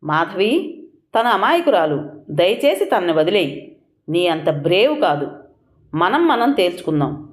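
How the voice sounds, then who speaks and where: A woman's voice: lowish voice, sing-song, a little slow, long pauses. A woman voicing an angry, defensive husband in heated, pleading outbursts.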